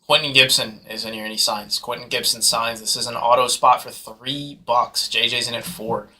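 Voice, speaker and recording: A man hosts a live card break and calls out bids in hyped, rapid auction patter. His voice is very bright and sharp. He sits close to the mic. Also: mid-range voice, steady tone, husky. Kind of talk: live sales commentary.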